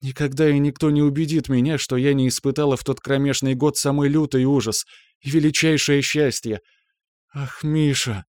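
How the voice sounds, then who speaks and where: A man voicing a gushing, coquettish young woman in an audiobook, lifted high above his normal pitch. She sounds affectionate and a little teary. The recording is close and dry. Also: fairly even intonation, moderate pace, a little mellow, no echo, natural voice. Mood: reproachful. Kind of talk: audiobook narration.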